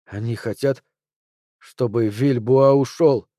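Spellbound boy in a trance, read by a man, slow and low, dark dry tone. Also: no echo, close to an everyday voice. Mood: entranced. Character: entranced boy, slow and hushed.

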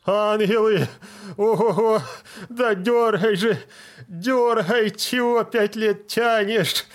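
A man voicing a pleading, wailing village deacon with a bad tooth, in a high, strained voice. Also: moderate pace, natural voice. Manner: pleading, then wailing and scolding.

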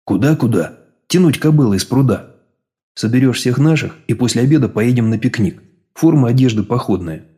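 A man voicing a confident young man who gives brisk commands and teases his sweetheart, in an audiobook. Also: mid-range voice, animated, warm tone, breathy edge. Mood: commanding.

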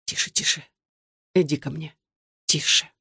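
An audiobook reader voicing a weary man on the run who speaks quietly and soothingly. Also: a little high, steady tone, moderate pace, dry recording, clean studio sound, close to an everyday voice.

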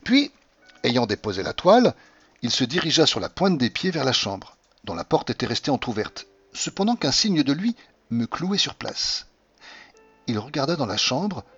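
A man reading a classic novel aloud as an audiobook narrator, with expressive storytelling delivery. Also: mid-range voice, normal speed, breathy edge, no room sound. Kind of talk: scripted literary narration. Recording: dull lo-fi audio.

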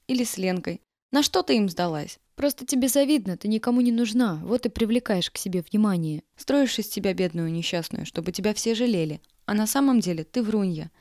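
A woman voicing a fierce, quick-tempered little kindergarten girl who shouts and scolds. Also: medium pitch, no echo, studio quality, close to an everyday voice.

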